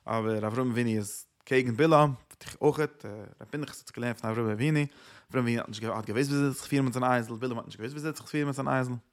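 Gravelly man. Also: medium pitch. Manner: halting, repeats himself, mixes in English words. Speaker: religious teacher. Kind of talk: informal religious teaching talk.

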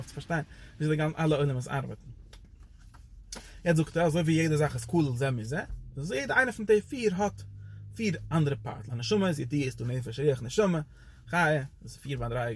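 A man teaching a Torah lecture in a loose, rambling way, his voice jumping up and down for emphasis. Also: breathy edge. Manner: animated, pitch jumps up and down for emphasis.

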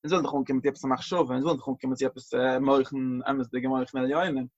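A man teaching a religious lesson, halting and repeating phrases and mixing in English words. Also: medium pitch, level tone, a little mellow. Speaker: Torah teacher. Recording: dull lo-fi recording.

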